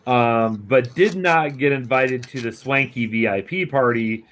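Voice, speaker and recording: Laid-back guy chatting as a guest on a podcast, mid-pitched voice. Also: a little slow, a bit bright. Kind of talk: casual chat.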